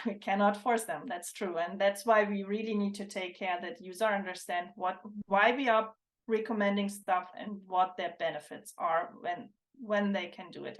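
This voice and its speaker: Woman presenting on a livestream. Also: medium pitch. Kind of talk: casual panel discussion. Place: online livestream, video call.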